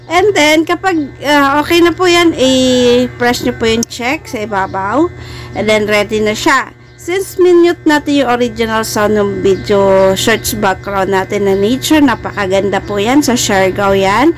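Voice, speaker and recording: A Filipino woman with a fairly high-pitched voice speaks unhurriedly over music as she hosts a video editing tutorial channel. She politely walks beginners through phone editing step by step in a casual, friendly, chatty way.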